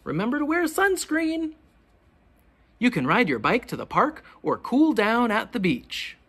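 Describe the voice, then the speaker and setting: A teacher reads a picture book aloud to young children, slowly and with great animation. Her mid-range voice is expressive, and she asks questions in a deliberate way.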